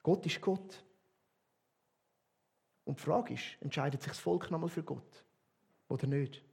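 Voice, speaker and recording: Swiss German pastor preaching with emphatic swings. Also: male voice, a little high, measured pace, creaky, husky. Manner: emphatic, swinging between loud stresses and quiet drops. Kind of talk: sermon.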